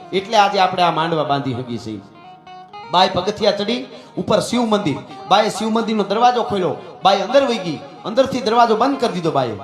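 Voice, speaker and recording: A man with a Kathiawadi Gujarati accent telling a folk tale on stage in a dramatic, rousing way, often turning to his listeners. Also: fairly high pitch. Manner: dramatic, rousing delivery with asides to friends. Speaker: folk storyteller. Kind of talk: dayro folk storytelling on stage. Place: stage at a live gathering. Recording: echoey hall with faint music.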